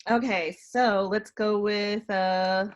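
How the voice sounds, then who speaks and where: A woman's voice: medium pitch, fairly even intonation, slow pace. Casual woman chatting on a video call. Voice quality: smoker's cough. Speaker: participant in an online get-together. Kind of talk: casual group video chat. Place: indoors on a computer video call.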